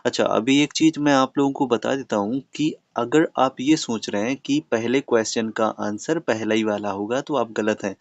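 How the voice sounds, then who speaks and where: A man with an Indian English accent giving a spoken English lesson, slowly dictating example questions and answers. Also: medium pitch, no room sound. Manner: slow, deliberate dictation of example sentences. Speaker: English teacher. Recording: slightly dull, lo-fi sound.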